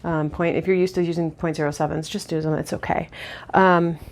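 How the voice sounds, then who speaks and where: A woman demonstrating lash techniques in a casual tutorial, chatty and relaxed with lots of ums and restarts. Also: deep voice, fairly quick. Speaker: lash artist instructor.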